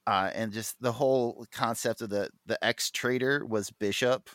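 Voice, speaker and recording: A man's voice: mid-range voice, steady tone, normal speed, fairly bright tone, dry recording. Man, podcast co-host, mid-range voice, dry close sound, rambling fan enthusiasm. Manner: rambling, enthusiastic, many fillers and restarts. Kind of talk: casual comic book chat.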